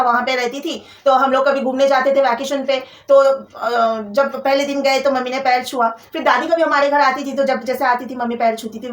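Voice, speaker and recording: A young woman from Kolkata venting about her in-laws in a personal storytelling vlog, with an indignant manner. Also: high-pitched. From Kolkata, India. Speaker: vlogger. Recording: roomy echo, from a distance.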